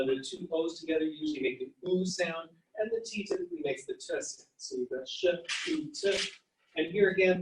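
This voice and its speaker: Male lecturer, fairly high voice, sounds out words for the class; roomy, distant pickup. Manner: explanatory, sounds out words and letters. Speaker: psychology lecturer. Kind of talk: university lecture. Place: lecture hall. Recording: echoey room, mic at a distance.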